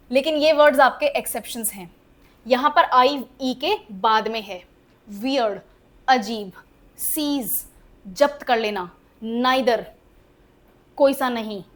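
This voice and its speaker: A woman, teaching spelling rules in a chatty classroom lesson and often checking whether the class follows. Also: fairly high pitch. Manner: lively, chatty, asks the class questions and laughs at the oddities. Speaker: English teacher.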